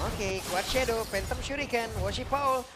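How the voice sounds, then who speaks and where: Male esports caster, very high voice, excited dramatic play-by-play, music behind. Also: normal speed. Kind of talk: esports caster play-by-play commentary of a mobile game match.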